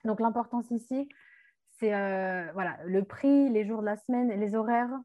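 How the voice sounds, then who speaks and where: A woman leads a casual language lesson, patiently walking through Portuguese vocabulary. She explains things step by step with frequent fillers. Her voice sits at an everyday mid pitch. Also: normal speed, dark tone. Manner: explains with many fillers and French-Portuguese switching. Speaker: Portuguese teacher.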